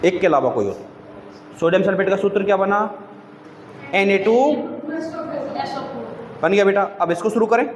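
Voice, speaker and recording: High-voiced male teacher, echoey classroom. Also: animated, moderate pace, long pauses, a little hiss or hum. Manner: quizzes students with repeated questions, calls them beta. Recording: echoey room with long reverb.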